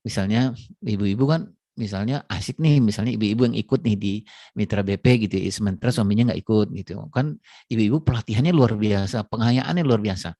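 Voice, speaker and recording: A man giving a relaxed, chatty parenting talk with a religious flavor. He talks directly to his listeners and keeps circling back with tag phrases. His voice is mellow and gravelly, recorded in a dry, close setting. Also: on the low side, brisk, no room sound. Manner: casual, chatty, many fillers and repeated tag phrases; addresses audience directly. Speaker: parenting speaker.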